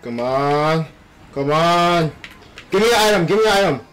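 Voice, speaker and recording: A man giving animated, playful gameplay commentary with exclamations and trash talk, speaking with a retainer in his mouth. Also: fairly high pitch, moderate pace. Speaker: gaming video host. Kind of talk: excited live gameplay commentary.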